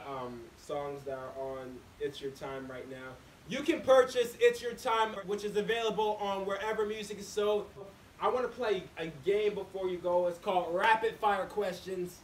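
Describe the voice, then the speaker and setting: A man's voice: high voice, normal speed, slight background noise. A man hosting a podcast, running a casual interview and outro in an upbeat, loose way. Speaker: podcast host. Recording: echoey room, distant mic.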